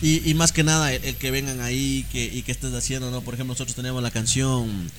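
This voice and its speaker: A man's voice: mid-range voice, quick pace. A young man with an Ecuadorian accent, co-hosting a casual podcast chat and animatedly telling school stories, sometimes singing bits of old chants. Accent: Ecuadorian Spanish. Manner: animated storyteller, sings snippets of school chants. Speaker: podcast co-host.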